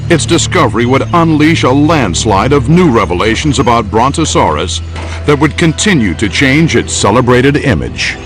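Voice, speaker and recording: A man's voice: mid-range voice, very animated, normal speed, music in the background, low-quality recording. A man reading scripted narration for a nature documentary.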